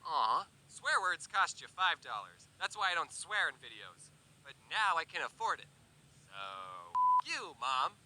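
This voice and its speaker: A young man telling comedic childhood stories in an animated, sarcastic way with deadpan asides. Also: fairly high pitch, a little slow, noisy background. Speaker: storytelling video creator. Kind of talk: comedic storytime narration.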